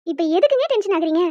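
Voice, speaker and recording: A woman voicing a calm young wife and mother who soothes her husband with light amusement in a cartoon. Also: extremely high pitch, background noise, exaggerated voice. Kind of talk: cartoon voice acting. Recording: dull lo-fi dry recording.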